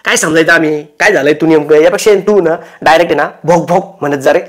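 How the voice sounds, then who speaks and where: A man's voice: fairly high pitch, fast talker. A man hosting a comic roast, teasing and mocking the people in the clips he reacts to. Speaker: roast host.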